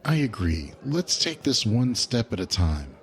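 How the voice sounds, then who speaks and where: In an audio drama, an actor plays a cautious, protective male ally, gentle, measured and concerned in manner. His voice is lowish and very animated.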